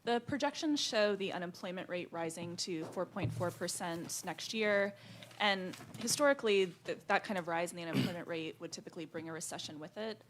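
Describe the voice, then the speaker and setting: A woman's voice: fairly low pitch, fairly quick, background noise. A woman asking a prepared question politely and directly as a newspaper reporter at a press conference.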